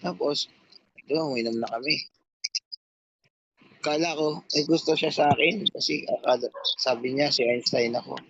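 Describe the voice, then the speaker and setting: A man's voice: on the high side, normal speed, creaky, pauses often, a bit bright, breathy edge, dry recording, dull audio. A man telling a long, rambling, profane story in a casual chat, quoting himself and others.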